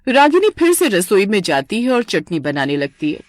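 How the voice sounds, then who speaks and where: A woman narrates a family cartoon story in clear scripted storytelling. Her pitch is mid-range and the recording is dry. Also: very animated, normal speed, dry recording.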